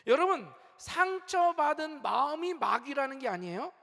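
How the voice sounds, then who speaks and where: Male pastor preaching in a big church, really high lively voice, long hall echo. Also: normal speed, gravelly. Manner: animated, acts out complaining churchgoers; often asks the congregation questions. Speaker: senior pastor. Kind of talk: sermon. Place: large church sanctuary.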